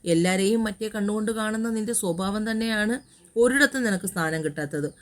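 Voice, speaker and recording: A woman voicing a caring, protective older uncle who talks with gentle fatherly reassurance in an audio story. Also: mid-range voice, a little fast, natural voice. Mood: angry.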